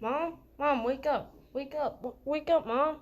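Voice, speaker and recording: Girl putting on a scared little boy voice, super high, begging and panicky. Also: measured pace, muffled recording. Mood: distraught. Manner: high, pleading and frantic. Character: frightened quirkless young boy pleading.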